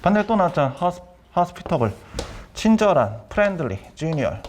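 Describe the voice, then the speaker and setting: Middle-aged male lecturer, slightly high voice, brisk and repetitive, light hiss under the voice. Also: very animated, darkish tone. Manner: brisk, repeats key terms, quizzes students. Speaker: academy director teaching vocabulary.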